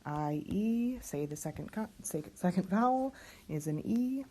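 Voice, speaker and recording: A woman teaching lyric diction, slowly spelling out letters and sounds one by one. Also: medium pitch, lively intonation, mellow. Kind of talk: online diction lesson.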